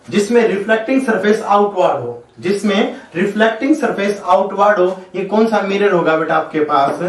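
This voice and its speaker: A male physics teacher giving a classroom lecture. He asks questions and answers them himself, and he dictates definitions slowly, word by word. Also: high-pitched, background noise. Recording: echoey room, voice from far off the mic.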